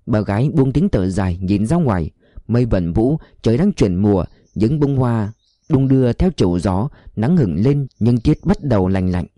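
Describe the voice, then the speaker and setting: A man narrating a novel audiobook in a measured, expressive storytelling manner. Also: on the low side, no echo.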